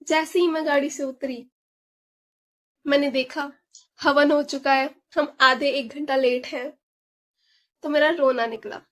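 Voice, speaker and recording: High-voiced young woman telling a story. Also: measured pace, pauses often. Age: young adult. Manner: animated, mixes Hindi and English, many fillers. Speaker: vlogger. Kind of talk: casual storytelling vlog.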